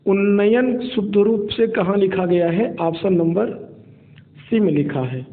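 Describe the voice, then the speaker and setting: Man teaching exam spelling, high voice, thin phone-line audio. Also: measured pace. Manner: steady, explains each answer option and repeats the correct form. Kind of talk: exam-prep spelling lesson.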